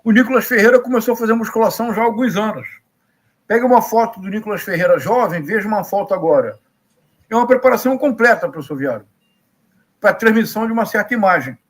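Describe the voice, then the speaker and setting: Male political commentator, middle-aged, Rio Brazilian accent. Notably high register, lecturing and emphatic, builds points through repetition. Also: lively intonation, fast talker. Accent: Rio de Janeiro Brazilian Portuguese. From Rio de Janeiro, Brazil. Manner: emphatic, didactic, rhetorical questions and repetition.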